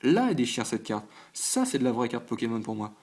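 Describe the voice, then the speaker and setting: Opening trading card packs at a lamp-lit desk at home, this channel host chats on camera in a stumbling, hesitant way, full of fillers and restarts, giving quick reactions to each item he lists. His medium-pitched voice is darkish and swings widely in pitch.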